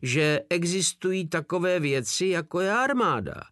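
A man doing a quiet wry soldier. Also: sits high, lively intonation, no room sound, studio quality, voice pushed up. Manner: quiet, measured.

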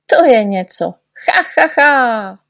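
A woman voicing a tiny, eager, boastful male know-nothing in a storybook reading, talking excitedly and bragging. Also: medium pitch, slightly rough. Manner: excited, shouty, quick to brag.

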